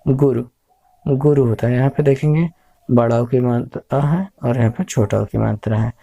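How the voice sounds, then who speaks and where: A male teacher giving a slow spelling lesson, repeating each word several times and pausing with hesitant filler sounds. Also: medium pitch, gravelly, warm tone, lo-fi sound.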